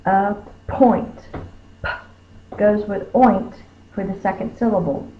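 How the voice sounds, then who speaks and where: A woman teacher, slowly sounding out letters and sounds in a phonics spelling lesson. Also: mid-range voice, fairly even intonation, slight background noise. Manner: slow, careful, sounding out each letter. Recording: tinny phone-like lo-fi recording.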